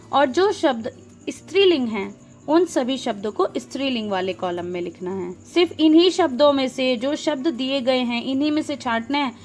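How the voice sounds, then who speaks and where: Patient woman teacher, faint music behind. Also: high-pitched. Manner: patient, explains step by step and repeats key words; asks the class questions and answers them herself. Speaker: school teacher. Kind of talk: recorded grammar lesson for young pupils.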